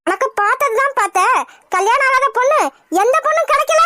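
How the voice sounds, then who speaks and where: A woman's voice: very high voice, animated, quick pace, pushed and bright, no room sound, studio quality, heavily acted. A woman voicing a domineering, scornful older village mother in a cartoon, talking harshly and contemptuously. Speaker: hero's mother. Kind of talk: cartoon voice acting.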